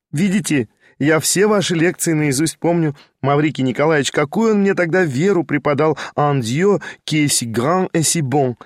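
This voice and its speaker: Man raising his voice for a young noblewoman, eager, exclaiming, higher pitch, dry close sound, spirited storybook heroine. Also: no room sound, close to an everyday voice. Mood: reminiscing. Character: young noblewoman on horseback, lively, impulsive, teasing.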